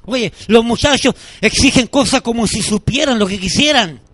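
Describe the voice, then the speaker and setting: Bright high-voiced preaching pastor, a man. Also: normal speed. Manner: animated storytelling preacher, voices the people in his anecdotes. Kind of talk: sermon.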